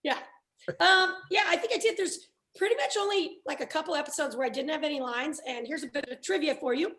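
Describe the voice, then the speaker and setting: High-voiced lady voice actor telling a playful story on a panel. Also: a little fast, a bit bright. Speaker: voice actor guest. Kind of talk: casual anecdote on a panel.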